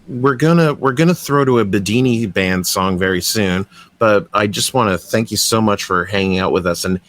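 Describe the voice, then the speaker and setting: Eager and rambling, a young Canadian podcast host keeps restarting himself during a casual interview. His voice is lowish and fairly bright, and he talks at a moderate pace.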